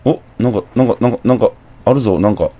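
A man's voice: lowish voice, quick pace, dark tone. A young man with a Kansai accent, chatting through a horror game, muttering to himself with jumpy exclamations. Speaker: gameplay commentator. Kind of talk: horror game let's play commentary.

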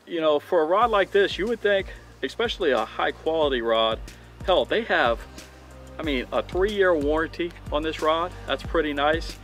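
With a fairly bright voice on the high side, a thirtysomething fishing-channel host does a casual unboxing of gear on a dock by open water. He chats eagerly and enthusiastically, repeatedly calling his viewers "guys."

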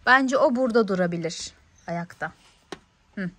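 A woman with a mid-range, slightly bright voice and lively intonation speaks at a moderate pace, with slight background noise. Sitting on a living-room sofa, she does a playful toy unboxing for a small child, encouraging them and asking lots of questions.

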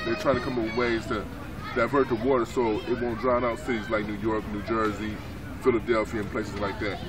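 A man in his forties, a minister, answering questions in a street interview in a city park, explaining earnestly and leaning on "so therefore". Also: medium pitch. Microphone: camera mic at a few feet. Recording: distant outdoor mic, crowd noise behind.

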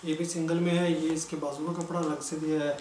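A man, a clothing seller briskly listing items in a sales walkthrough. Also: a little high, flat delivery, a little mellow. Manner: brisk, matter-of-fact listing. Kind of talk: product walkthrough sales pitch. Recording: echoey room, distant mic, background noise.

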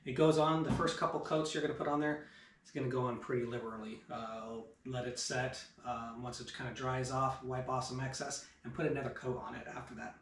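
Man, 30s, shop owner doing a relaxed how-to with filler words; distant camera mic, echoey room, faint noise. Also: mid-range voice, fairly quick. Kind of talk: casual how-to demonstration. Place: home woodworking shop, indoors. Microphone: far camera.

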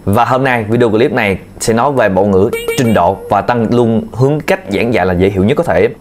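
A man's voice: lowish voice, a little fast. A man teaching a video language lesson, patiently repeating key points to his learners. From Vietnam. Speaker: Chinese teacher.

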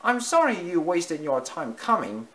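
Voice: medium pitch, big pitch swings, measured pace, fairly bright tone, pitched above the performer's own voice. A reader doing an eager little mouse. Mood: earnest. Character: earnest little male circus mouse.

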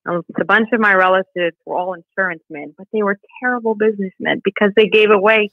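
Her mid-range voice holds a steady tone at a quick pace. As a podcast guest who directs a nonprofit, she tells stories conversationally and reads a family letter, heard through dry but muffled, band-limited call audio.

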